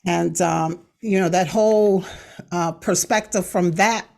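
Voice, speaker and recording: A woman's voice: on the low side, steady tone, a little slow, creaky. A woman from the Midwest hosting a casual interview, often affirming her guest with short agreements. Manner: warm affirming listener, frequent agreement. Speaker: host.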